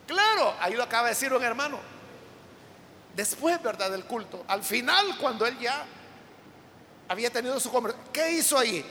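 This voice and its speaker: A male preacher with a very high, bright voice tells a story from the pulpit and turns to the congregation with questions. His sermon echoes through a long church hall, and a faint rumble sits behind it.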